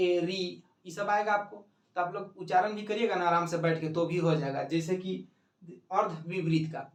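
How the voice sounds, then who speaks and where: A male teacher giving an exam-prep lesson, explaining step by step and asking and answering his own questions. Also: high voice. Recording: echoey room, mic at a distance.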